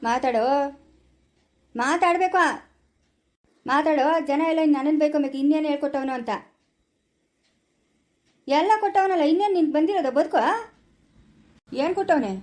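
A woman's voice: high voice, a little mellow, lightly acted. A woman in an amateur family skit playing a stern grandfather who scolds his grown son. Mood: scolding. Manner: scolding, rapid and nagging.

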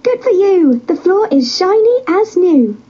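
A woman voicing a sweet, polite young princess in a storybook game, with a bright, gentle, encouraging delivery. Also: extremely high pitch, big pitch swings, unhurried, full character voice. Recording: lo-fi recording over music.

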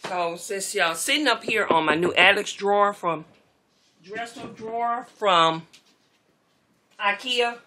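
This middle-aged beauty vlogger has a medium-pitched voice and speaks slowly, with long pauses, while crowd noise sits behind her. She's tidying her beauty room in a bedroom and chatting in a relaxed way to "y'all," recorded on a camera mic that moves around.

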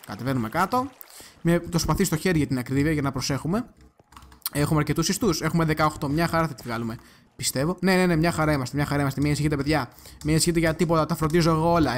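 A man giving casual gameplay commentary, chatty and excitable, talking straight to his viewers and now and then bursting into loud cursing. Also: fairly high pitch, a little hiss or hum. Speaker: gaming video creator.

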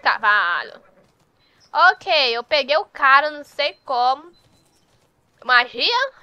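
High, bright chatty woman gamer. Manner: chatty, teasing the game characters. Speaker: gameplay youtuber. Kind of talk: casual gameplay commentary.

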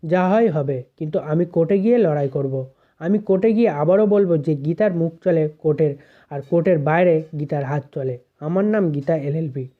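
A man's voice: fairly high pitch, fairly quick, narrow, tinny audio, lightly acted. A man reading a bold woman lawyer. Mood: pressing. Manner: questioning, pressing.

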